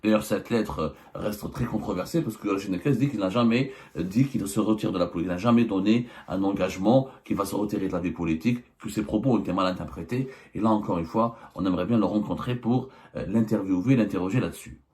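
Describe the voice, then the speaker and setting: An Algerian journalist who hosts his own channel delivers a political commentary monologue in a lowish, mellow voice. He talks fast with few pauses, emphatic and full of rhetorical questions, yet stumbles into fillers and restarts.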